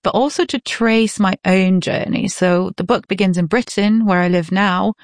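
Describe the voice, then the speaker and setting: A woman's voice: medium pitch, normal speed, no room sound, studio quality. A woman from Romania, an author answering interview questions in an informed, explanatory way. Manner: informed, explanatory, laughs easily. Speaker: author guest.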